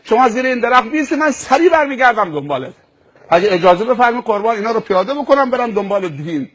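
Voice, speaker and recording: A man's voice: very high voice, sing-song, a bit bright, pitched above the performer's own voice, full character voice. A man voicing a rich male driver in a sermon story, apologising fawningly and pleading.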